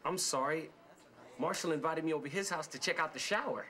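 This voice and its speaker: A man's voice: on the high side, fairly quick, pushed and bright. An actor playing an easygoing teenage boy who talks casually, in a 1990s sitcom.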